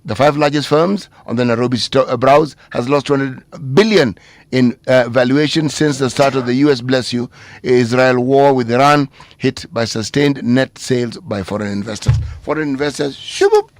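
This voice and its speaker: A man's voice: mid-range voice, moderate pace, dry recording. A man with a Kenyan accent co-hosting a radio show, reading out news stories and adding emphatic, opinionated commentary. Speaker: radio co-host.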